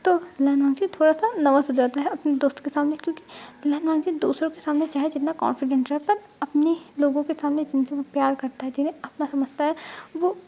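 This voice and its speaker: A woman's voice: high-pitched, fairly even intonation, brisk, warm tone. A woman casually retelling a fanfiction story, chatty and correcting herself as she goes.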